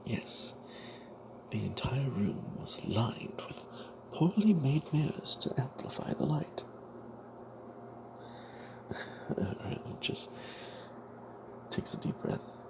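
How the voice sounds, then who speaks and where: A man whispers a fantasy tale ASMR-style, voicing a wry, wary adventuring cleric in a halting, hushed way. His mid-range voice has a sing-song quality, and the audio is poor.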